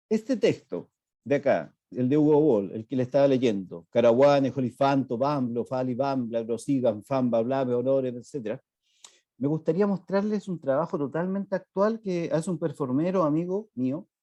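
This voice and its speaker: A man's voice: a little high, dark tone, no room sound. A man lecturing on art history, explaining images and addressing his audience directly. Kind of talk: online art history talk.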